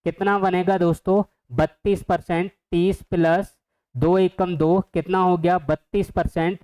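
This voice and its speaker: A man's voice: high-pitched, steady tone, measured pace, darkish tone, poor audio. A man teaching an exam-prep math lesson, who keeps asking the viewers questions and then answers them himself.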